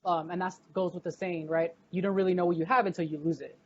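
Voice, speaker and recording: A woman's voice: fairly low pitch, fairly even intonation, fast talker, a little mellow, dull audio. A young woman, a graduate student, chatting casually in an interview with many fillers and restarts.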